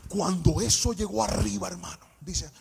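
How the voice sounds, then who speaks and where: A man preaching from the pulpit, his voice pitched high and ringing with a long hall echo. He swings into a lilting, sing-song cadence and pushes up to full shouts at the peaks. Between the peaks he tells personal stories. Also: moderate pace, creaky. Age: adult, married with a child. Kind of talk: sermon with personal storytelling. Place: church service. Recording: echoey church hall.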